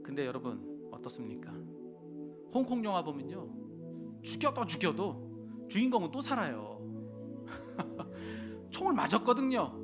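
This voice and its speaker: A man delivering a sermon as pastor, his fairly high voice rising and falling in wide sweeps. He shifts from loud urgent calls to near-whispers and acts out scripture dialogue in plain speech. Music plays clearly under him. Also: huge pitch swings, unhurried, pauses often. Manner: dramatic sermon delivery with sudden loud and hushed phrases.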